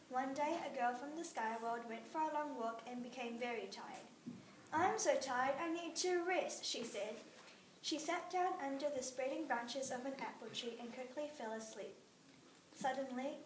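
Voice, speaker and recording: A woman narrates a myth in a clear, steady reading voice. Her voice sits fairly high. The mic is far off in a roomy space, with faint noise behind. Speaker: reader. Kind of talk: storybook reading.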